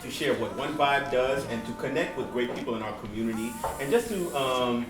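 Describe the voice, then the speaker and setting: Guest: easygoing man in his thirties from Seattle, mid-pitched, heard from a distance in an echoey venue with music behind. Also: fairly quick. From Seattle, USA. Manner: relaxed and earnest, many "um" fillers. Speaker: guest, board member of a nonprofit. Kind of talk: live on-stage interview. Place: event venue with live audience.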